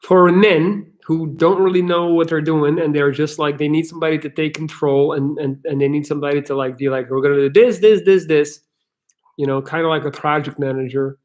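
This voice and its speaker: Man, from Belgium, American accent, somewhat high voice, live chat host, rambling, frank. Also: fairly even intonation, brisk. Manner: rambling, frank, restarts often. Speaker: livestream host answering chat questions.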